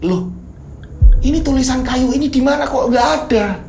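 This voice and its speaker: A man's voice: extremely high pitch, normal speed, a little hiss or hum, pitched above the performer's own voice. A man acting a frantic becak driver. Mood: bewildered. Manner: shouting, panicky and exasperated. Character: frantic young male becak driver, expectant father.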